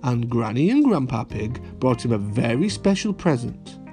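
A man's voice: mid-range voice, big pitch swings, moderate pace, warm tone. A man narrating a children's story like a kids show host, cheerily addressing young listeners, with guitar music behind him.

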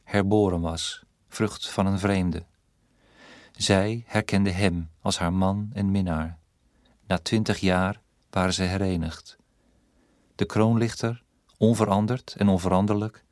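Man reading an audiobook, low deep voice, steady and measured, dry close recording. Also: no room sound. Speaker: narrator. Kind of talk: audiobook narration.

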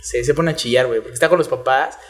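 A man's voice: medium pitch, fast talker. A young man with a Mexican accent co-hosting a casual chat, full of slang and swearing, often laughing. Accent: Mexican Spanish. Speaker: podcast co-host.

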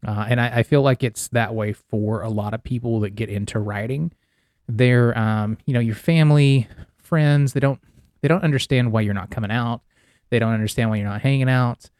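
A male podcast host talks casually at a middling pitch, sounding a little wheezy and congested, with some mouth breathing. The recording is dry and close, with very little room sound. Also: steady tone, moderate pace, a little mellow, no echo. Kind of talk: casual solo podcast talk.

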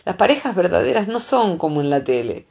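A woman with a Rioplatense Spanish accent, talking through ideas in a casual podcast chat, often pausing on "eh". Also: on the low side, sing-song, gravelly, darkish tone, husky. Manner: thoughtful, explains with many filler "eh"s.

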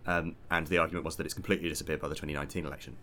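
A man's voice: rumbling low, steady tone, very fast, bright, forceful tone, a little hiss or hum. A man with a modern southern British accent in casual political discussion, analytical, mixing academic vocabulary with informal phrasing. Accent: modern British, southern English. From southern England.

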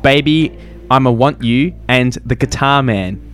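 A man's voice: medium pitch, unhurried, a bit bright, slight background noise. A young man hosting a casual podcast quiz, chatty and laughing often. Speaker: podcast host reading quiz questions. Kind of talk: casual chat.

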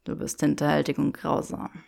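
A woman voicing a lovestruck young wizard, speaking low and wry. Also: completely flat delivery, moderate pace, creaky, darkish tone, heavily acted. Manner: murmured, wry.

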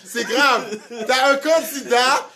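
A man's voice: very high voice, slow pace, crowd noise. A man with a Quebec French accent telling political stories in a casual chat, laughing and mimicking politicians. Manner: animated storyteller, mimics politicians, laughs often.

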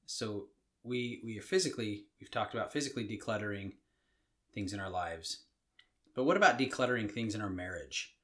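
A man's voice: lowish voice, a bit bright. A middle-aged man co-hosting a casual marriage podcast, talking thoughtfully and often restarting his sentences. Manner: thoughtful, halting with frequent restarts. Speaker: podcast co-host.

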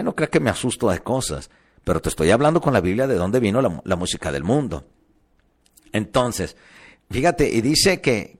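A man's voice: medium pitch, creaky, slightly rough. A man preaching a sermon in a conversational, emphatic way, often firing rhetorical questions at his listeners.

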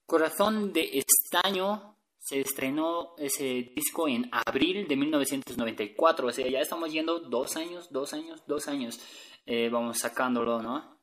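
A man's voice: fairly high pitch, moderate pace, fairly bright tone, distant mic, poor audio. A man hosting a casual music talk for viewers, chatty and hesitant, often checking in with his listeners. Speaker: music channel host.

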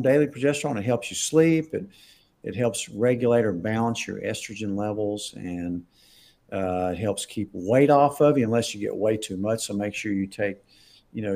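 Low, gravelly, slightly husky man, a doctor fielding live questions, casual and emphatic. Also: a little mellow. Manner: conversational, emphatic, laughs often. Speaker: doctor answering viewer questions.

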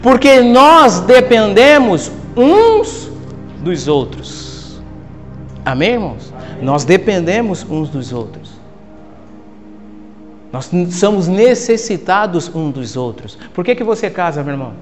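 A Brazilian man preaching a sermon to his congregation, calling them "my brother" and swinging from hushed asides to loud exhortation. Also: high voice, very animated, slow. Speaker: pastor. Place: church service with congregation in masks. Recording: long hall reverb with faint music.

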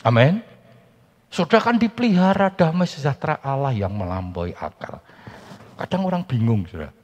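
Lively Javanese-accented pastor preaching. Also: male voice, moderate pace, dull audio. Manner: animated, jumps to high voices when quoting others. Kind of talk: sermon with acted-out stories. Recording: long hall reverb.

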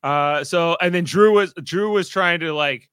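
A man's voice: on the high side, a little slow, a bit bright, smooth, dry recording, studio quality. A man hosting a casual podcast recap, talking animatedly and acting out quotes in exaggerated voices. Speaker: podcast host.

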